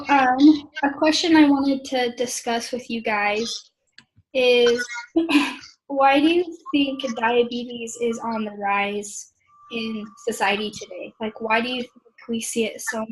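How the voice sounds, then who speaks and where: A young woman from Idaho leading a casual group discussion over a video call, talking slowly and clearing her throat often. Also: on the high side, fairly even intonation, low-quality recording. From Idaho, USA. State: pregnant. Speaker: discussion leader.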